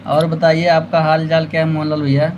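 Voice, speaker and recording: A man's voice: on the high side, monotone, a little fast, a little mellow, dull audio, slight background noise. A man with an Awadhi accent hosting a casual live stream, chatting with viewers and thanking them by name.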